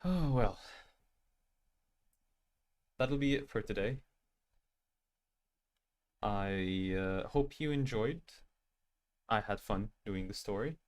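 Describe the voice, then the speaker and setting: A man with a youthful-sounding voice that still sits a little low, talking casually to his viewers as he wraps up a game stream. He rambles in a loose, self-deprecating way, speaking straight to his chat. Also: lively intonation, takes it slowly, long pauses, darkish tone. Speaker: game streamer with an animated avatar.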